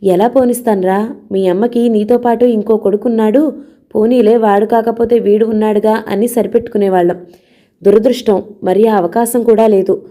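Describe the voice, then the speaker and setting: A woman's voice: medium pitch, fairly even intonation, moderate pace, mellow, close to an everyday voice. A woman voicing a domineering middle-aged man who harshly scolds and threatens his younger brother in an audio novel. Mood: scolding.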